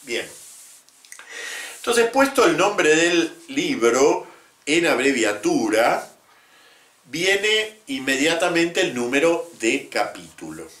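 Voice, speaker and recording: A man teaching about the Bible in a measured lecture, often adding short tag questions. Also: a little high, sing-song, fairly bright tone. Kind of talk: explanatory lecture. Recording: roomy echo.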